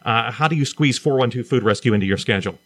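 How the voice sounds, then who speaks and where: A man hosts a community radio talk show. He stumbles and repeats words before settling into his questions. His voice sits at an ordinary pitch and sounds close and dry, with no room around it. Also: fairly bright tone, dry recording. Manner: halting, repeats words when starting a question. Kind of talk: radio interview. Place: radio studio.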